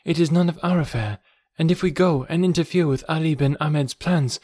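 A man voicing a brave young woman, a desert chieftain's daughter, speaking in a hushed, proud and earnest way. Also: on the high side, a little fast, no echo, clean studio sound, pitched above the performer's own voice, natural voice.

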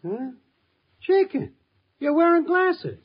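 An actor playing a cocky, self-centred boyfriend in an old radio sitcom, with brash wisecracking slang. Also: male voice, high-pitched, wildly swooping pitch, moderate pace. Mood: brash, teasing. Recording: dull, hissy old radio recording.

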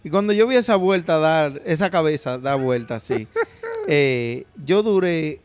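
A man from Puerto Rico with a Puerto Rican accent and a somewhat high voice co-hosts a loose podcast chat. He talks playfully, laughs often and tells personal stories. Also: very animated, measured pace. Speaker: podcast co-host. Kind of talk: casual chat.

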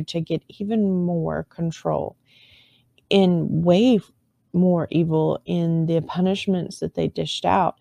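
A woman with a low, gravelly voice tells a true crime story in a loose, conversational way, breaking off for wry asides and correcting herself as she goes. Her tone is dark and mellow, and the recording is close and dry with no room sound. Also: no room sound.

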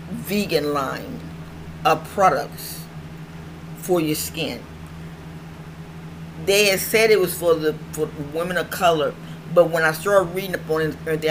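A middle-aged woman with toothless, slightly slurred speech, chatting casually and ramblingly as she hosts her own online show, often repeating phrases for emphasis. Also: sits low. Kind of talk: casual vlog chat. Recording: clearly noisy home recording.

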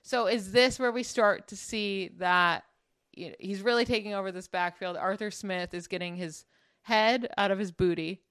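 A woman co-hosting a casual sports podcast, talking in an upbeat, animated way with quick asides. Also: mid-range voice, smooth, no echo, clean studio sound. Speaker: podcast co-host.

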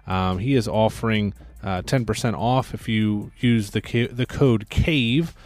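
A man's voice: lowish voice, moderate pace, a little mellow, no echo. Chatty podcast host man, faint music. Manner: chatty and upbeat, many filler words. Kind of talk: casual podcast hosting. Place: podcast studio.

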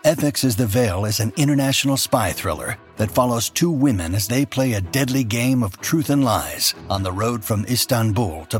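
A man giving a smooth, dramatic read of a streaming series promo. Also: fairly low pitch. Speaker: ad announcer. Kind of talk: scripted commercial read.

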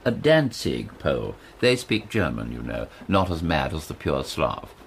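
A haughty British spy chief in a drama, with a very deep, gravelly voice. He is pompous and offhand, swinging widely in pitch, with faint noise behind. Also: big pitch swings, a little slow, exaggerated voice. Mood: scheming, musing. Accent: British English. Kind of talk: naturalistic spy drama dialogue.

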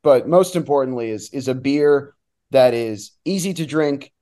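Here the same soccer play-by-play announcer, again an interview guest, shares loose, opinionated takes on sports in a conversational manner. He speaks at a normal speed in a mid-range voice with a dark tone.

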